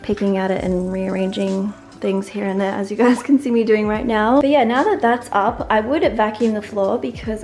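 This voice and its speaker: A woman's voice: mid-range voice, a little mellow. A woman chatting casually to camera while she decorates her living room, upbeat and full of "like". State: briefly out of breath. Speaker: lifestyle vlogger.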